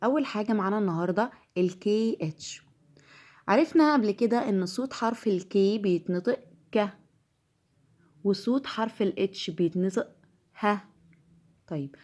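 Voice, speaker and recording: Egyptian-accented female English teacher, patient and repetitive, mid-pitched voice. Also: darkish tone. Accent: Egyptian Arabic. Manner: patient, repeats words slowly to drill them. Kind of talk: classroom-style lesson.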